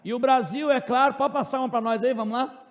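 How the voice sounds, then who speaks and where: A man with a Tocantins Brazilian accent gives a joking classroom lecture in a very high voice. He talks loud and fast and keeps throwing asides at his students. The sound carries a long classroom reverb. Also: steady tone. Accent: Brazilian Portuguese, Tocantins region. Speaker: teacher.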